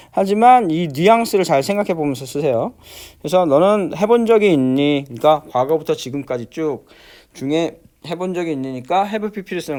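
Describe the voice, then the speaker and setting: A man teaching an English grammar lesson, walking through exercises step by step and constantly asking whether students follow, stretching out the English words slowly. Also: on the high side, darkish tone. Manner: repeats check-in questions, many fillers; slows down to spell out English words.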